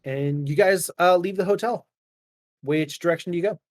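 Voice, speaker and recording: Higher-pitched man narrating as game master. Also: moderate pace, dry recording. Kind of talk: improvised tabletop game narration.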